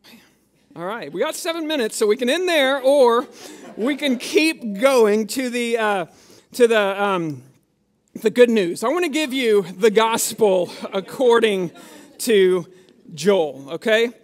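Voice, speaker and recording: A pastor with a high voice delivers a sermon. He preaches conversationally, slipping in jokes and restarting his sentences as he goes. He sounds middle-aged. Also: animated, a little slow.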